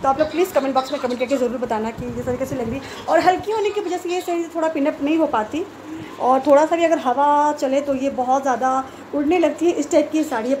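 A woman with a Bengali accent vlogging casually at home, talking fast and chatty with many fillers. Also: high voice, background noise. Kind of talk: casual vlog to camera. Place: at home, hot room with fan running.

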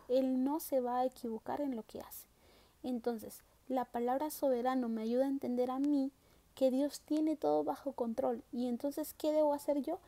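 A woman with a high, mellow voice teaches a Bible lesson to primary school pupils. She explains slowly and stresses the key words. She often stops to ask the children rhetorical questions. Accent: Central American Spanish.

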